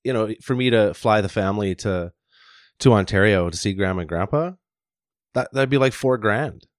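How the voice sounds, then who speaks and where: A man hosting a casual interview, relaxed and agreeable, rambling a little. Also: on the low side, normal speed, no echo, studio quality. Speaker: podcast host.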